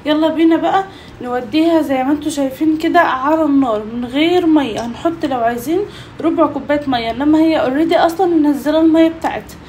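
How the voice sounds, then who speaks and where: A woman's voice: sits high, fast talker, a little mellow, a little hiss or hum. A young Egyptian woman with an Egyptian Arabic accent, chatting to viewers in a casual cooking vlog from her home kitchen. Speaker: vlogger.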